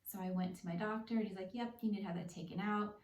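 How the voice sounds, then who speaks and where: A woman speaks in an echoey room, a little away from the microphone. Her voice sits at an average pitch. She talks casually and practically, like a vlogger walking viewers through tips step by step. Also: steady tone, fast talker, distant mic. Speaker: vlogger sharing personal experience. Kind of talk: casual explanatory vlog talk.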